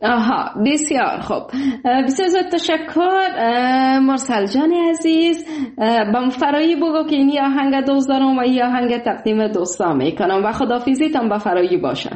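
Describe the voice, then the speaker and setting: A woman hosting a call-in show, polite, thanking often and pausing with fillers. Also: high voice, lively intonation, darkish tone, roomy sound. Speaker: radio show host.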